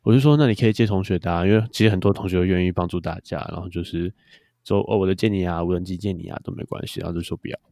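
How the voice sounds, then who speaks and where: A man's voice: sits low, steady tone, racing, creaky, warm tone, no echo, studio quality. A young man, chatting casually as a podcast co-host and telling stories. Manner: chatty storyteller. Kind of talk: casual chat.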